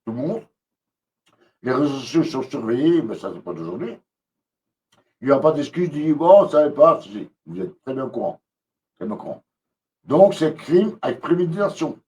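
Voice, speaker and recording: A man's voice: on the low side, darkish tone, far from the mic. A man ranting angrily on a live stream, repeating himself and hesitating often. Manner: agitated, repetitive, many hesitations. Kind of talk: angry live-stream rant.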